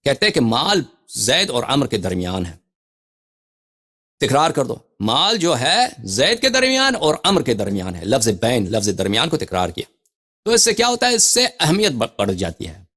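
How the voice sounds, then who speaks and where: Male scholar teaching, reads quotes slow then explains, voice swings up and down a lot. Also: medium pitch, wildly swooping pitch, sharp tone. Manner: reads Arabic passages slowly, then explains with emphatic rises; repeats and restarts phrases while thinking aloud. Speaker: religious scholar. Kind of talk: lecture explaining scripture.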